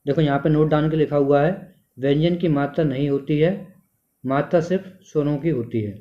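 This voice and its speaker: A man's voice: on the high side, fairly quick. A male teacher giving a classroom lecture, asking the class questions and then answering them himself. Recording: dull lo-fi sound.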